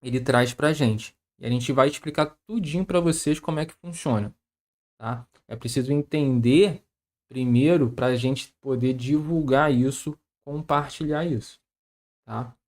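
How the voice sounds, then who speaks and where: A co-host on a live stream explaining a point in a measured, explanatory way, closing sentences with "tá?". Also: mid-range voice, a little mellow.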